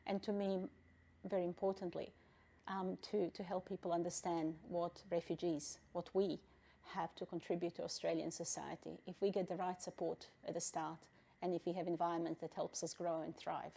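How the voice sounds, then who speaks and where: The speaker, a middle-aged Bosnian refugee council president, answers interview questions deliberately, with frequent pauses and fillers. Low and flat in delivery, her voice is gravelly and dark with a breathy edge.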